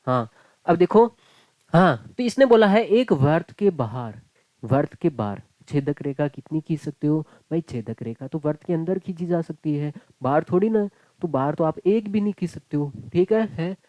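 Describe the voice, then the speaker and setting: A man's voice: a little high, animated, normal speed, darkish tone, no room sound, lo-fi sound. A man teaching a maths class online, chatty and joking, calling his students "beta" and "bhai".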